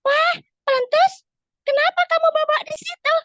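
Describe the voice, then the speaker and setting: A woman voicing an earnest little schoolgirl in a storytelling session for children, in a squeaky childlike voice. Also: steady tone, moderate pace, a bit bright, no echo, lo-fi sound. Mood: caring. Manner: earnest, chatty, talks to the young audience.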